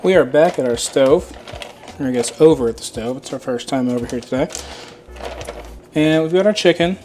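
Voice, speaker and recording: A mid-range voice at normal speed, with soft background music, belongs to a man in his thirties running a cooking channel from his home kitchen. He's laid-back and talkative, full of fillers, swearing now and then.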